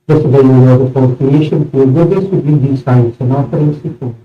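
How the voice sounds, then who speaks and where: A man serving as priest, reciting a eucharistic prayer solemnly in measured, short phrases, in a large reverberant church. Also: medium pitch, steady tone, soft background music. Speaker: priest celebrating communion. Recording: echoey church, distant mic, muffled sound.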